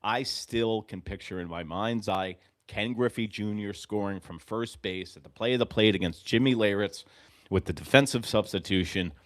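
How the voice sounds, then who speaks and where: A man in his forties from New York hosting a live fan reaction stream, calling pitches and drifting into rambling, profane stories, swinging between muttering and shouting. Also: moderate pace. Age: 40s. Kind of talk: live game-reaction commentary.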